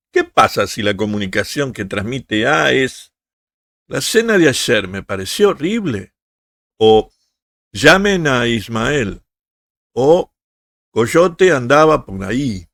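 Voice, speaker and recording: Guy from reading an essay out loud, slow and careful, kinda gravelly. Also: mid-range voice, no room sound, studio quality. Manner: measured, deliberate reading. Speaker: podcast host reading an essay. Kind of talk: essay read aloud.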